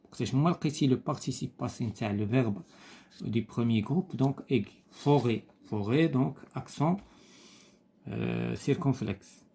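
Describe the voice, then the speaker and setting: A man's voice: medium pitch, fast talker, creaky, warm tone, husky. Man, Moroccan Arabic accent, teacher, textbook lesson, patient, repeats words, hesitant fillers. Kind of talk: explaining a French textbook exercise.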